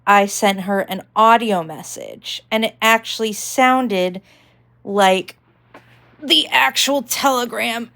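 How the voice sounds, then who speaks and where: A woman's voice: on the high side, slow pace, gravelly, bright, forceful tone. A woman vlogger giving a casual tech demonstration, rambling with lots of fillers.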